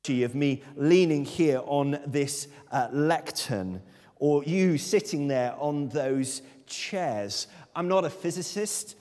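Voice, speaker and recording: Fairly high-pitched and a little mellow, this man in his thirties takes it slowly while delivering an earnest, emphatic sermon at a church lectern. The far camera recording carries a long reverb from the sanctuary.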